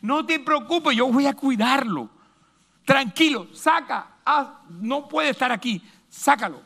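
God, calm and commanding, as a preacher puts him on. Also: male voice, very high-pitched, a little slow, vocal fry, pitched above the performer's own voice, full character voice. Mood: reassuring, firm. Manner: commanding, reassuring. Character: God reassuring Abraham, male, calm and firm. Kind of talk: sermon retelling.

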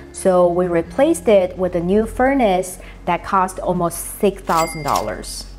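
A woman speaks in a steady, matter-of-fact way, laying out figures one after another like a practiced host. Her pitch sits in an ordinary middle range. Faint music plays quietly underneath her voice. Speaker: house flipper, channel host. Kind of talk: scripted cost walkthrough.

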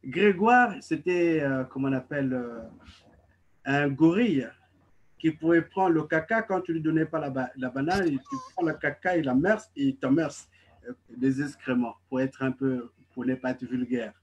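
A man's voice: fairly high pitch, husky. A middle-aged man from Congo, a guest on a video call at home, giving emphatic political commentary and often restarting his sentences. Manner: emphatic, halting with many restarts. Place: home living room. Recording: dull lo-fi video call audio.

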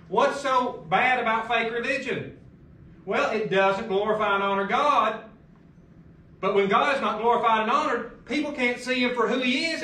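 A man's voice: very high-pitched, sharp tone, echoey room, slight background noise. A middle-aged man pastor preaching a sermon at a lectern, asking emphatic rhetorical questions, recorded by a far camera in a large carpeted church room.

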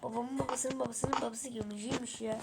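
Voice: mid-range voice, steady tone, fairly quick. A speaker giving casual, chatty gameplay commentary to viewers, full of short interjections and exclamations. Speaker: video creator addressing viewers. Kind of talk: casual gameplay commentary while building in a video game. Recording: very noisy home recording with clicks.

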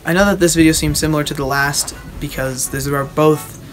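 A young man with a somewhat high voice hosts an informal demonstration. He explains things step by step in a halting, casual way while his hands are busy. He is outdoors, a short way from the camera, with music behind him. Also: steady tone, fairly bright tone. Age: teenager or young adult. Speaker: video host. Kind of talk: casual explanatory show-and-tell. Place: outdoors on a wooden backyard deck.

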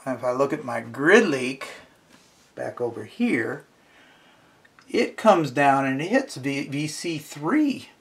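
A middle-aged man teaches a relaxed hands-on lesson at an indoor wooden workbench, narrating each step to himself as he thinks aloud. He's an instructor with a slow, sing-song, mid-range voice.

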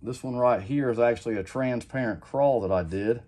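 A middle-aged man, speaking in a mid-range voice at a moderate pace, gives a casual how-to demo at his home workbench. He makes custom lures and talks in a relaxed, plain-spoken way, rambling and repeating himself, often saying "like I said."

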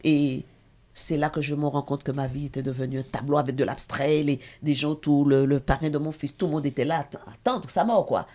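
A woman's voice: low voice, steady tone, brisk, warm tone. Middle-aged woman telling an intense story. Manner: intense, emotional storytelling with hesitations. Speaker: talk show guest, association president. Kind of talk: personal testimony on a talk show.

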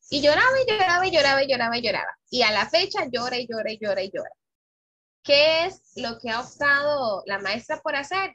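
A woman with a high, husky voice leads a training session for teachers over a video call. She speaks to them as colleagues and repeats her main points to drive them home. The sound is dry and close, with no room around it. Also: fairly bright tone, no echo. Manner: repeats key points for emphasis; addresses listeners as colleagues. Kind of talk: online teacher-training talk.

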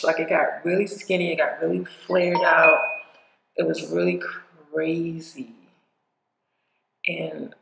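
A woman vlogger speaks bluntly and rambles through a casual opinion rant full of cursing. Her voice has a gravelly, creaky edge. The recording sounds roomy and echoey. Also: fairly low pitch.

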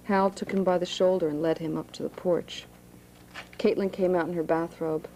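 Author reading aloud: woman, dark gravelly voice, unhurried, school room. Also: lowish voice, fairly even intonation, a little hiss or hum, rough recording. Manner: plain, unhurried reading with asides. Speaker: author reading her novel. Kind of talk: reading a novel aloud to students.

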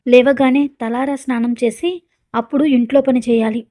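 A strict older mother-in-law, read by a woman in a spoken story, rattling off household rules at a quick clip. The voice is mellow and a little high, barely shifted from the narrator's own. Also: steady tone, close to an everyday voice. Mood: stern. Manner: brisk, listing orders quickly.

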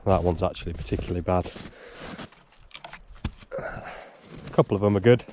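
Background noise runs under this self-filmed clip of a homesteader vlogger in his thirties working through a half-demolished wooden barn with a handheld action camera. He talks to himself as he goes, chatty and wry, in casual commentary. His voice is low-pitched and his pace moderate.

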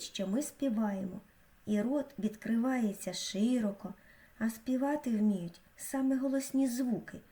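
A woman narrating a scripted school lesson in a slow, clear, teacherly way with careful pronunciation. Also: medium pitch, mellow.

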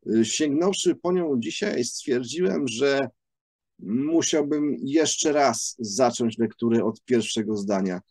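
A man gives a spoken book review at a very slow, careful pace. He keeps stopping to hunt for words, filling the gaps with long hesitation sounds. His voice sits at an ordinary middle pitch, recorded dry and close with no room echo. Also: darkish tone. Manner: halting, many drawn-out "y" fillers, thoughtful.

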